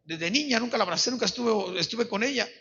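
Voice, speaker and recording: A middle-aged Mexican pastor preaches with a high, husky voice, earnestly stumbling over repeated words and often saying amen. His tone is bright and sharp, and the recording is dull and lo-fi. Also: animated, fast talker. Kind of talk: sermon with personal testimony.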